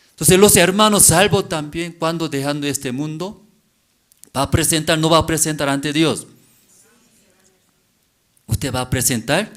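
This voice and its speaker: This pastor's voice leans high and fairly bright. Preaching to his congregation, he keeps asking rhetorical questions and drops in a short "mm?" to check in.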